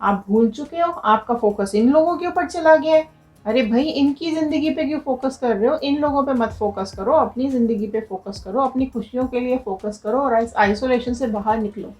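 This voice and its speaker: A woman's voice: high voice, moderate pace, darkish tone, soft background music. A woman doing a tarot reading, urging viewers in a direct, motivational way. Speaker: tarot reader.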